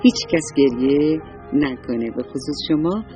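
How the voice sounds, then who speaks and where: A woman telling a story to small children in a gentle, affectionate way. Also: low-pitched, lo-fi sound, over music.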